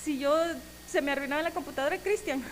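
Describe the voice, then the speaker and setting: A middle-aged woman, giving an earnest personal testimony sermon in a strong, loud voice. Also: high-pitched, expressive, moderate pace, slight background noise, poor audio. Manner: strong, loud voice, cannot speak softly; earnest, emotional storytelling. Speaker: preacher.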